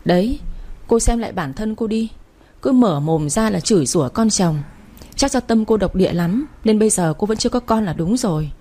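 A woman's voice: mid-range voice, lively intonation, normal speed, dark tone, natural voice. A woman voicing a defiant, hot-tempered teenage granddaughter who talks back sharply.

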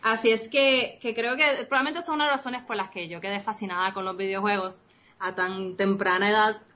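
In a slightly dull lo-fi recording, a bright-toned woman in her thirties from Costa Rica talks a little fast at medium pitch. Her Puerto Rican Spanish shows some Costa Rican traces, and as a game designer guest in casual interview chat, she rambles with many fillers and restarts while mixing in English.

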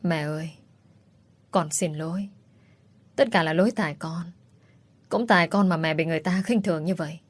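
A remorseful young woman from an audiobook romance, voiced by a woman narrator, hesitant and close to tears. The voice sits slightly low. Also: moderate pace, long pauses, lightly acted. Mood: tearful. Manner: tearful, apologetic, hesitant. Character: guilty young woman of twenty, tearful and contrite.

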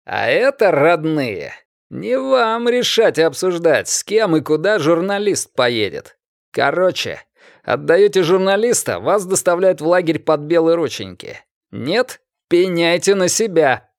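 A gruff, hot-tempered militia boss barks orders and threats, as a male narrator puts him on, his voice pushed up high and hard. The read is close and dry, with no room around it. This is a storybook tough guy who is used to getting his way. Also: sing-song, measured pace, dry recording, full character voice. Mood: threatening. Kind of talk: audiobook character voice.

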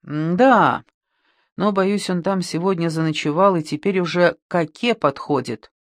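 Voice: medium pitch, moderate pace, dry recording, lightly acted. Reader as an anxious young gang member, dry sound. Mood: worried.

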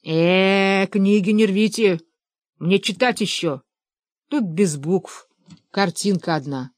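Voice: mid-range voice, slow, no room sound, natural voice. A reader voicing a simple, grumbling young man in an audiobook. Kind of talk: audiobook narration.

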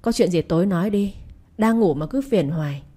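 A woman voicing a drunken, abusive middle-aged husband who talks coarsely and shouts. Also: on the low side, animated, a little fast, slightly rough. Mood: grumbling.

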